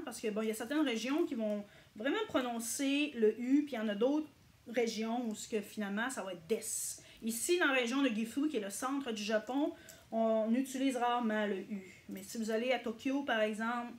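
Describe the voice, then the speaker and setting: Chatty woman teaching. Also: on the high side. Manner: chatty, checks in with frequent "ok?". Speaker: Japanese language teacher. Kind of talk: casual video lesson.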